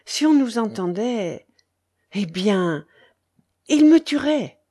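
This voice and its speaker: A woman's voice: a little high, animated, takes it slowly, gravelly, dark tone, pitched above the performer's own voice, heavily acted. A woman voicing a frightened young woman, pleading and guilt-ridden, in a read-aloud story. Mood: fearful. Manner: trembling, urgent pleading.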